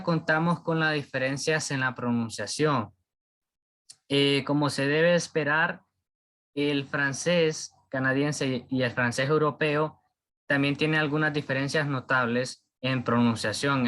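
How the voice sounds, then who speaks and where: A man giving an informal class presentation, often pausing and searching for words mid-sentence. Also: mid-range voice, bright, forceful tone. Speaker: presenter explaining a topic.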